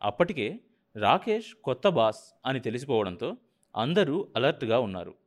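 A man's voice: mid-range voice, sing-song, moderate pace. A man reading an audiobook novel aloud as its narrator, giving each character a voice of his own. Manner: voices every character himself. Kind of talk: scripted narration.

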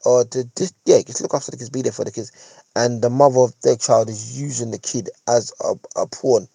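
A man with a London roadman accent speaks in a husky, mellow voice, close and dry. He talks casually in street slang, emphatic and opinionated, repeating himself and tagging points with little questions to the listener. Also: mid-range voice, steady tone, a little fast, no room sound. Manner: emphatic, repeats phrases, seeks agreement with tag questions. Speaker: podcast host.

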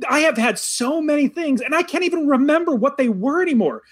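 A middle-aged man co-hosting a podcast in casual chat, animated and acting out parents yelling. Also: very high-pitched, a little fast. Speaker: podcast co-host.

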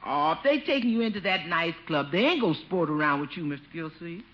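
A woman's voice: on the low side, animated, quick pace, dull audio, faint music behind, natural voice. A woman playing a folksy, shrewd housemaid. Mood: coaxing. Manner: folksy dialect speech, coaxing questions. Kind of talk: 1950s radio sitcom acting. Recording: hissy old radio broadcast recording.

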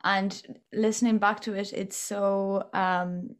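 A woman's voice: medium pitch, level tone, slow, clear, resonant tone. A woman with a Galway accent from the west of Ireland, hosting a casual interview in a hesitant, stop-start way. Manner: hesitant, many ums and broken-off phrases. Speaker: podcast host.

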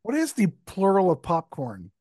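Male podcast co-host, slightly high voice, dry close mic, joking and rambling. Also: wildly swooping pitch, normal speed, a little mellow, dry recording. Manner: joking, rambling, laughs often. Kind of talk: casual chat.

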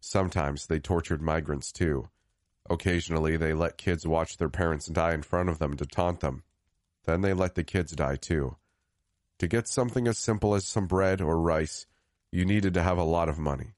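Deep-voiced man reading a grim story. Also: moderate pace, no room sound, clean studio sound. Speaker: storyteller narrator. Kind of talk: scripted first-person horror narration.

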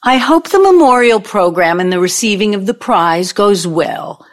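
A woman's voice: medium pitch, animated, close to an everyday voice. An actress playing a bitter middle-aged ex-girlfriend who taunts a dead man's daughter with her memories, in an audio play. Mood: scornful. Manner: slow, taunting storytelling. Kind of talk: amateur radio drama acting.

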